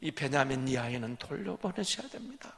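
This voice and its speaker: A man's voice: mid-range voice, animated, brisk, vocal fry, in a large hall, pitched below the performer's own voice. A man preaching who acts out a desperate grown man begging a ruler to free his younger brother, pleading over and over. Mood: desperate shouting. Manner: pleading, shouting, repeated begging. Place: church sanctuary.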